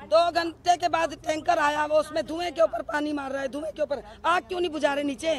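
Her voice is high, steady and a bit quick as this middle-aged woman, a bereaved mother, addresses reporters through a cluster of microphones on a crowded outdoor street. Emotional and accusing, she demands answers with rhetorical questions.

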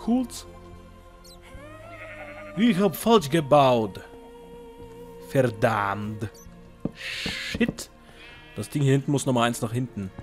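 A man's voice: medium pitch, expressive, slow, pauses often, soft background music. A young man casually chatting while playing and answering viewer questions, joking at his own expense. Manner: chatty, self-mocking, jokey. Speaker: let's play host. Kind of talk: casual gaming commentary.

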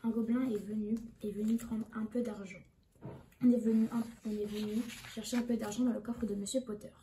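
Femme hésitante qui résume un roman. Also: female voice, mid-range voice, fairly even intonation, mellow. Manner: halting, many restarts and fillers. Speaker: reader summarizing a novel. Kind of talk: casual audiobook summary. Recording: echoey room with background noise.

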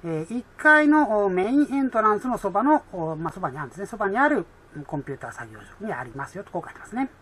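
A woman explaining an English exam in a chatty way with many fillers, reading English lines slowly and. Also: mid-range voice, very animated, fairly bright tone, slight background noise.

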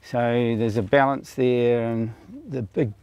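Older man, New Zealand, orchard owner, gravelly voice, plain explanations, outdoor interview, lapel mic. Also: medium pitch, steady tone, measured pace, a little mellow, no room sound. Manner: plain, explanatory, with fillers and restarts. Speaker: orchard owner and company founder. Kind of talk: on-camera interview.

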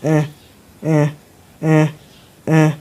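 A man's voice: drawn-out words, warm tone. A young man casually commentating his own gameplay, rambling and cursing at the game with frequent chuckles.

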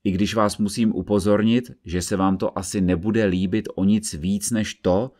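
A man voicing a calm, methodical investigator who explains his reasoning step by step in an audiobook reading. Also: fairly low pitch, natural voice. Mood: measured.

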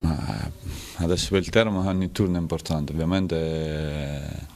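A man's voice: rumbling low, fairly even intonation, moderate pace, gravelly, a little mellow. A man who plays football, answering a TV interviewer in a plain, hesitant way. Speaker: football player. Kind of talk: post-training interview.

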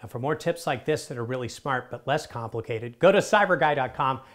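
A middle-aged man walks viewers through a phone tutorial in a friendly, conversational way. His pitch sits in the ordinary middle range for a man. He is recorded on a lapel mic in a studio. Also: animated, fairly quick, fairly bright tone. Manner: upbeat, direct, conversational. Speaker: tech tips host. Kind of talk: scripted tech how-to presentation. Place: in front of a studio screen wall, indoors.

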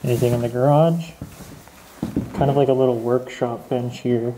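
A man's voice: mid-range voice, fairly even intonation, normal speed, noisy background. A young man casually narrating a walk through an empty abandoned house, thinking aloud and laughing easily while wearing a respirator. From Canada. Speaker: urban explorer host. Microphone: camera mic, wearing a respirator mask.

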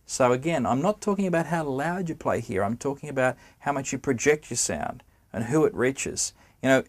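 Middle-aged guy teaching trumpet, chatty, asks u questions as he goes, medium pitch. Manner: conversational, addresses the viewer directly with questions. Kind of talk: spoken music lesson to camera.

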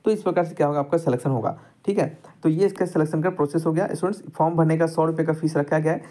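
An exam tutor with a slightly high, mellow voice races through a screen-recorded lesson, explaining step by step and addressing his students directly.

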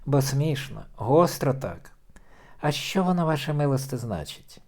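A man's voice: medium pitch, sing-song, measured pace, a little mellow, voice pushed up. A man voicing a fawning, giggling male scribe in an audiobook reading.

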